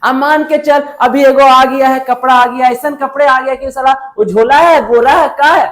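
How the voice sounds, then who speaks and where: A woman's voice: sits high, moderate pace, a bit bright. A woman teaching a university lecture. She mixes textbook phrasing with casual speech, asks herself rhetorical questions and repeats each point twice. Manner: mixes textbook Hindi with colloquial local speech.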